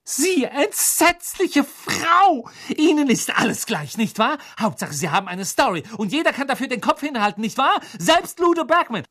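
A man reading aloud plays a sharp, righteous teenage girl with a high, lively voice that scolds and lectures. The storybook reading swings widely in pitch as she argues. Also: normal speed, husky. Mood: outraged. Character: clever, indignant teenage girl, the schoolgirl Hermine.

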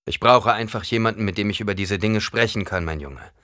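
A man reading an audiobook, voicing a weary, fatalistic noble duke who speaks gravely to his son. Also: fairly low pitch, a little fast, bright, forceful tone, dry recording, clean studio sound, pitched above the performer's own voice.

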